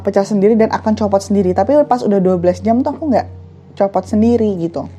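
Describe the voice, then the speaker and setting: A young woman recounting a personal story in a relaxed, chatty vlog. Her voice is mellow and soft-edged, and her pitch sits in an ordinary middle range. She talks with frequent fillers and little asides. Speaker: vlogger. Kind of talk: casual storytelling.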